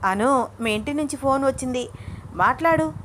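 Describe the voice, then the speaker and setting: A woman's voice: high voice, animated, normal speed, a bit bright, slight background noise, voice pushed up. Fond storybook mother-in-law, raised voice, read by a woman. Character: warm middle-aged mother-in-law.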